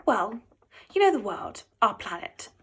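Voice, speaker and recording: A woman voicing an adult woman doctor who answers a child in a brisk, matter-of-fact way. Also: medium pitch, big pitch swings, breathy edge, full character voice. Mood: patient.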